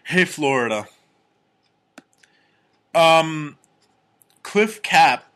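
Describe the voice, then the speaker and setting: A man co-hosting a casual comedy podcast, reading strange news stories and personal ads aloud with crude, deadpan jokes. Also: a little high. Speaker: podcast co-host.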